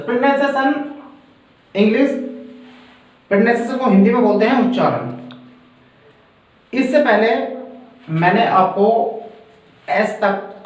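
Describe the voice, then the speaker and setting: A man from India teaching English pronunciation at a board, slow and repetitive, checking that his students follow. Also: sits high. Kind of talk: classroom lesson explaining at a board. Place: classroom with a board. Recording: roomy echo, far from the mic.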